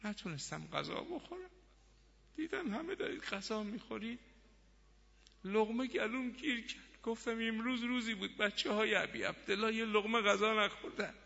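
A man voicing a devout young wife who speaks in a soft, hushed and pleading way, recorded muffled in a reverberant hall. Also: high voice, gravelly, voice pushed up, exaggerated voice. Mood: grieving. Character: devout young mother, grieving and fervent.

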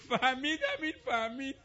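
A man preaching a religious sermon, passionately retelling stories, moving between hushed narration and rising chanted calls to the congregation. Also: very high-pitched. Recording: dull lo-fi recording.

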